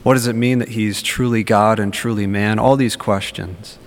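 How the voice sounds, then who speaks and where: A man's voice: on the low side, fairly even intonation, moderate pace. A man speaking as a priest at church, reading scripture and preaching in a reflective way, with long cathedral-like echo around his voice. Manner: reflective, informal, rhetorical questions. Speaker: priest giving a homily. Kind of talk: Gospel reading and conversational sermon. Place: large reverberant church.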